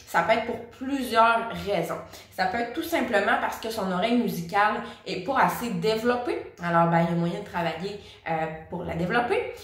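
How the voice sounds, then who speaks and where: A woman's voice: medium pitch, a bit bright. A woman with a Québécois French accent teaching singing in a chatty, direct way, speaking straight to the viewer. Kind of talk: casual vocal lesson. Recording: very echoey room.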